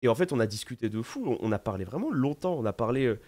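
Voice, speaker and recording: A man from France with a French accent, chatting casually to his viewers in an animated, slangy way, full of fillers and restarts. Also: mid-range voice, fast. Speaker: streamer. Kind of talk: casual recap chat to viewers.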